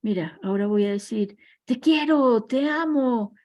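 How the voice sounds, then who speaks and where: A woman voicing a patient father who gently explains a lesson to his son in a spoken parable. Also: mid-range voice, steady tone, normal speed, gravelly. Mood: gentle explaining.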